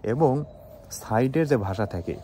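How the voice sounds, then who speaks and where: A man's voice: mid-range voice, animated, measured pace, dark tone, slight background noise. A young man from Bangladesh giving a casual spoken lesson on learning Chinese, often checking in with his listeners. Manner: conversational, with frequent "ঠিক আছে?" checks. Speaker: Chinese language teacher.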